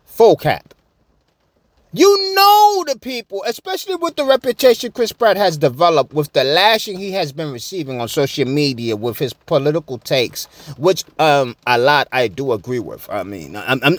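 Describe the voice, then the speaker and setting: A man giving casual opinion commentary, slangy, animated and repeating himself. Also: high-pitched, no echo. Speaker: vlogger.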